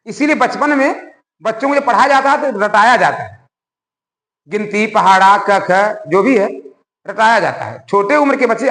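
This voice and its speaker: High-voiced animated teacher. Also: male voice. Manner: animated, conversational, asks the class rhetorical questions. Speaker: school science teacher. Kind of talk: classroom lecture. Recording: echoey room with long reverb.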